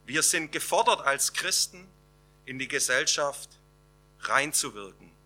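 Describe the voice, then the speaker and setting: Male preacher, sermon; slow, emphatic delivery, slightly high voice, faint music underneath. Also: lively intonation, pushed and bright.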